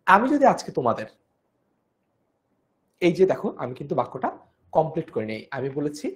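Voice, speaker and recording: A man's voice: fairly high pitch, sing-song, normal speed. A young man with a Bangladeshi Bengali accent teaches a live online grammar class; his throat is strained and he explains patiently, repeating key points and checking in with "okay?". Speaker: online tutor.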